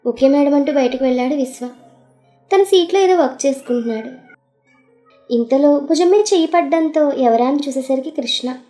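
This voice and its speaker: High-voiced woman narrating a story. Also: normal speed. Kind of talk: scripted narration. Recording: faint background music. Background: soft music.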